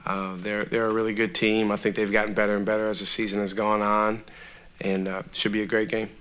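At a post-game press conference, a college basketball coach in his thirties fields reporters' questions through a table microphone, speaking steadily and deliberately with plenty of fillers. His voice is lowish and smooth, and he sits in a press room in front of a sponsor backdrop.

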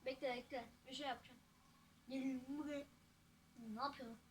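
A teenage girl giving casual, excitable gameplay commentary as a YouTuber, with loud outbursts and jokes. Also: sits high, moderate pace, a little hiss or hum. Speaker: gaming YouTuber.

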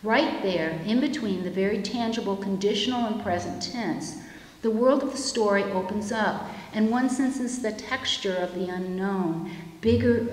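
A woman in her fifties gives a keynote lecture, reading measured and reflective prose from pages at a lectern microphone in a chapel-like hall. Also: medium pitch. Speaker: keynote speaker. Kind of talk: reading a prepared lecture aloud. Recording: echoey room with long hall reverb.

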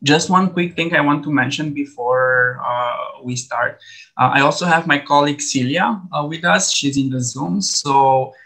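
A Romanian edtech trainer runs an online training webinar from his home office over a video call, his bright voice on the high side and unhurried. He comes across as a friendly, relaxed presenter who says "uh" often. The recording quality is low.

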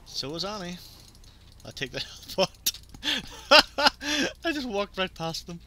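A man giving live gameplay commentary, excitable and laughing often, getting loud when excited. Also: high voice, normal speed. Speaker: gaming YouTuber.

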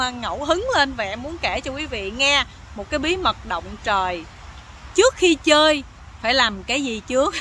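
A woman with a Southern Vietnamese accent, hosting her channel and telling a comic story in a lively, exclaiming way. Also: high-pitched, a little hiss or hum.

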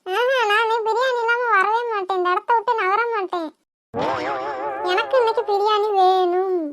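A woman's voice: very high-pitched, fairly even intonation, moderate pace, fairly bright tone, slight background noise. A woman with a Kanyakumari Tamil accent voicing a stubborn little village girl who whines and cries for food. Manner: whining and pleading.

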